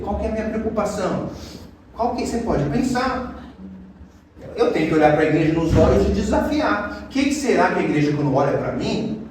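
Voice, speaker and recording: A man's voice: high voice, darkish tone. A Brazilian man preaching an expository sermon in a conversational, emphatic way with rhetorical questions. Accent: Brazilian Portuguese. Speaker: pastor. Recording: echoey hall, distant mic, faint noise.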